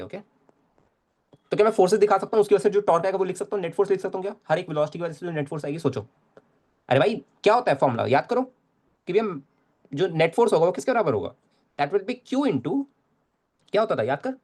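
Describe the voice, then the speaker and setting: Chatty Indian physics teacher. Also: male voice, high voice, darkish tone. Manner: casual, chatty, repeats phrases, coaxes students. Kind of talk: live online lecture.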